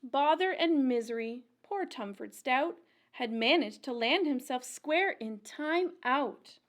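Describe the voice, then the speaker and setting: With a high-pitched voice, a woman acting as a storytime librarian reads a rhyming picture book aloud to little kids. She sounds expressive and sing-song, taking her time like a practiced storyteller.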